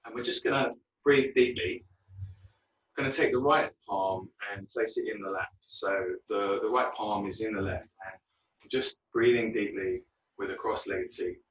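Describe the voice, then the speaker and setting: Guy teaching yoga, lowish voice, laid back with lots of ums, sounds a bit far from the mic. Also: lo-fi sound. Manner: relaxed, unhurried guidance with frequent ums. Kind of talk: guiding a yoga class.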